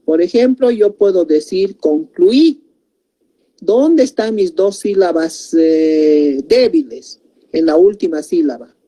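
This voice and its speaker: A woman's voice: lowish voice, expressive, takes it slowly, warm tone. A woman teaching a grammar lesson, explaining step by step and breaking words into syllables.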